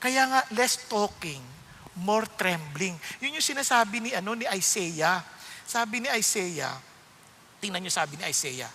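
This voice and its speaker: High, bright Filipino pastor preaching. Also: male voice, a little slow, in a large hall, a little hiss or hum. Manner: animated, swings between quiet reflection and loud rebuke; mixes Tagalog and English. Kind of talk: sermon.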